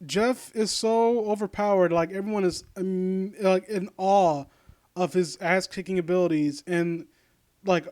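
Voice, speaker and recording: Recorded with no room sound, a man's voice sits high with a darkish, steady tone and a slightly slow pace. As host of a critique series, he alternates between reading a story aloud and casual reaction commentary. He stumbles over lines often and is sardonic and informal, with mock-supportive asides.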